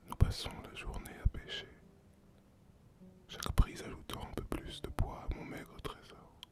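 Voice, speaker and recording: A performer voicing a solitary male sea captain and former pirate in a whispered role-play, breathy and unvoiced, telling the tale slowly and poetically to the listener. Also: close to an everyday voice. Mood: wistful, serene. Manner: slow, poetic storytelling addressed to the listener.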